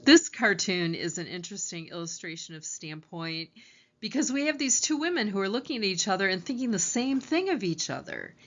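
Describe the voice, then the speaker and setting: A woman's voice: mid-range voice, big pitch swings, a little fast, lo-fi sound. A woman college lecturer, explaining course ideas over slides in a conversational teaching tone.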